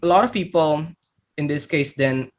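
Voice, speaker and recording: A man's voice: fairly high pitch, normal speed. A man in his thirties from Indonesia, with an Indonesian accent, telling his life story as a podcast guest. He talks reflectively, with many fillers and repeated words. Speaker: startup founder guest. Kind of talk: podcast interview, personal story.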